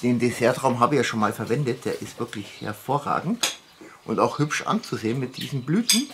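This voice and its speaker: A man's voice: medium pitch, animated, a little fast, noisy background. A man hosting a casual grilling vlog outdoors, chatty and playful as he presents a dessert to friends. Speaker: grill channel host. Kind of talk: casual cooking vlog chat.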